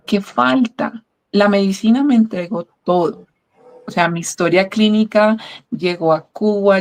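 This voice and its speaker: A woman's voice: fairly low pitch, a little mellow. Middle-aged woman, reflective and earnest interview testimony. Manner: earnest, reflective, often asks "¿sí?". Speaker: guest sharing a testimony.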